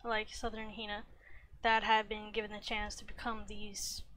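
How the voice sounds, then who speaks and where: A woman's voice: mid-range voice, completely flat delivery, moderate pace, bright, forceful tone. A woman streamer chatting casually on a livestream, rambling with lots of fillers and restarts, a little out of breath. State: slightly out of breath.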